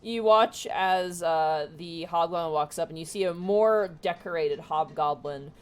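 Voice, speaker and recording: A woman's voice: fairly low pitch, a little slow, smooth. A woman game master improvising narration for an online tabletop game, recorded with faint noise. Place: online voice call for a virtual tabletop. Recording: faint noise on home microphone.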